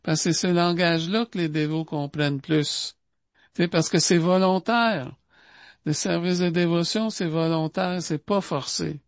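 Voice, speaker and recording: A man's voice: a little high, fairly even intonation, dry recording. A man with a Québécois accent giving an informal spiritual talk. He speaks conversationally, with lots of asides and repetitions. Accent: Québécois French. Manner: conversational, repeats itself and fills pauses with asides.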